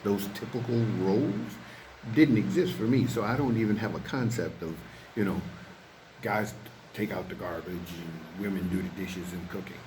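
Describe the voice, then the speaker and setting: A man with a low voice co-hosts a casual recap, pausing and repeating phrases as he reasons. He is outside on a seaside balcony, with a slight echo and faint ambient noise. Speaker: podcast co-host. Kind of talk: conversational TV recap. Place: outdoor balcony by the sea. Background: waves, ambient noise.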